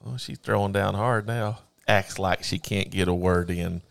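A man's voice: low voice, fairly even intonation, moderate pace, creaky. A man in his forties co-hosting a podcast, joking in a wry, mock-defensive way into a podcast microphone. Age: 40s. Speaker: podcast co-host. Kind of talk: casual banter.

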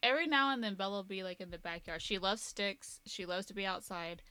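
A woman's voice: medium pitch, lively intonation, a little fast, bright, forceful tone, clean tone, dry recording. A woman co-hosting a podcast in casual chat, talking loosely, laughing often and filling her speech with "like". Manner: chatty, laughs often, says "like" a lot. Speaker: podcast co-host.

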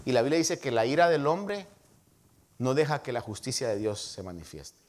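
An older man, a pastor, preaching a sermon with lively emphasis and acted-out quotes. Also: mid-range voice, moderate pace. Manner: lively preaching, acting out quoted dialogue, rising to emphatic peaks.

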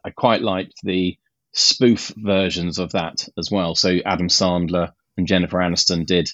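Deep-voiced man, chatty guest. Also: fairly even intonation, a little slow, fairly bright tone, dry recording, muffled recording. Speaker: podcast guest. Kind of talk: casual chat.

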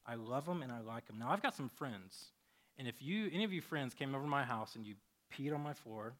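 A man in his thirties preaching a sermon, animated while telling a story and soft and hushed when he prays. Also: medium pitch, brisk. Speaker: pastor.

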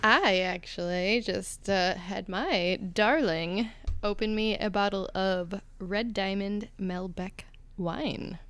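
A woman's voice: medium pitch, slow pace, fairly bright tone, clean tone. A woman co-hosting a podcast in casual, conversational chat. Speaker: podcast co-host.

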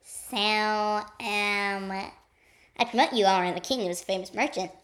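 A woman's voice: medium pitch, moderate pace, a bit bright, natural voice. A woman playing a sheepish henchman, Bob. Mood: hesitant. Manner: hesitant, unsure. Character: sheepish, dim-witted male henchman.

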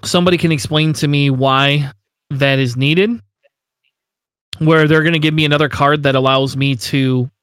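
A man's voice: on the high side, steady tone, normal speed, a bit bright, clean tone, no room sound, studio quality. A man co-hosting a casual tabletop game podcast, talking emphatically with frequent incredulous laughs. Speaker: podcast co-host.

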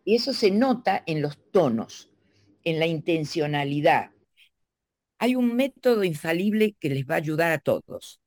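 A middle-aged woman from Argentina, a speech coach explaining diction in a teacherly, animated way and demonstrating sounds. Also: low-pitched, unhurried. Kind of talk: interview guest explaining.

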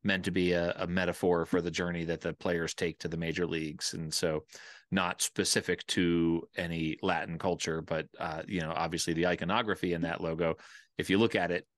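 A man's voice: low voice, little pitch movement, fairly quick, no room sound, studio quality. An American man hosting a casual interview, rambling a little as he thinks aloud.

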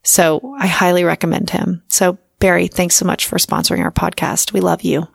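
A woman's voice: on the low side, little pitch movement, moderate pace, gravelly, husky, dry recording, clean studio sound. A woman podcast host giving an earnest, conversational sponsor message. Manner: earnest, recommending.

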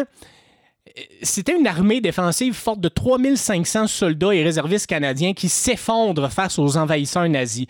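A man with a Québécois French accent telling a history story on a podcast in an animated, joking way. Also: no echo, clean studio sound. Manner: animated, jokey, lively pitch swings. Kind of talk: casual storytelling chat.

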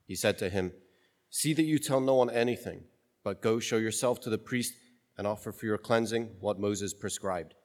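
A man's voice: on the low side, normal speed. A priest reading the gospel and then preaching in a casual, joking way, his voice ringing with a long cathedral-like echo. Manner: casual, joking, thinks aloud with restarts.

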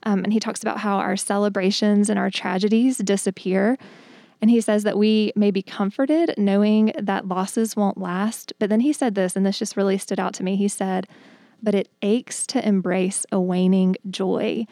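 A woman's voice: medium pitch, fairly even intonation, normal speed, dark tone, no room sound, clean studio sound. A woman speaking thoughtfully and earnestly in a Bible study discussion, with frequent ums. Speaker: discussion group member.

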